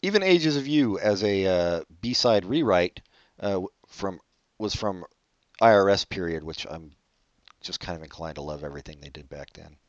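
A man's voice: lively intonation, normal speed, dry recording, dull audio. A man co-hosting a podcast, chatting loosely about music and rambling as he talks. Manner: loose, rambling, jumps up and drops off in pitch and volume. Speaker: podcast co-host. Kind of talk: casual chat about music.

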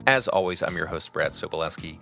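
A man's voice: sits low, lively intonation, fairly quick, vocal fry, bright, forceful tone. A man hosting a medical podcast, reading an upbeat scripted introduction. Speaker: podcast host. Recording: guitar music under the voice.

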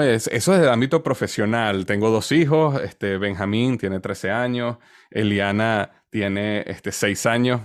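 Low-voiced Venezuelan man, dry sound. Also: no echo. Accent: Venezuelan Spanish. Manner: hesitant, repeats words while searching. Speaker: podcast guest, entrepreneur. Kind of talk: conversational interview answer.

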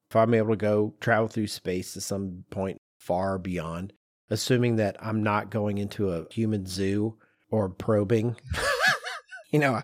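A man with a lowish voice co-hosts a podcast in casual chat, rambling through hypotheticals and acting out imagined bits of dialogue. The recording is studio quality with no room sound.

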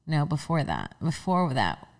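Young woman podcast co-host, animated pitch, silly and playful. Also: a little slow, gravelly. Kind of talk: casual chat.

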